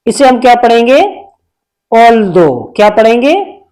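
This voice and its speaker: A man's voice: extremely high pitch, sing-song, slow, darkish tone. A man teaching an English reading lesson, reading one word at a time and asking how each word is pronounced. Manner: reads each word separately and asks the learner how to pronounce it.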